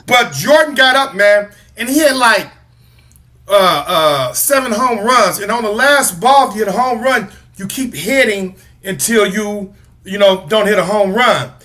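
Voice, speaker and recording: A man with a high, bright, forceful voice, talking sports on a casual podcast. He is animated and loves to tease, trash-talking the teams he hates. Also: unhurried. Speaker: podcast co-host.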